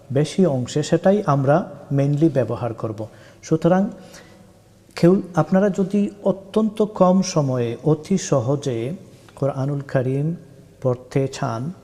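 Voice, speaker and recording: A man gives a recorded Quran reading lesson, patiently drawing out each spelled syllable at a slow, unhurried pace. His voice is mellow and warm, and it rings with a long reverb as if from a large hall. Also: fairly high pitch.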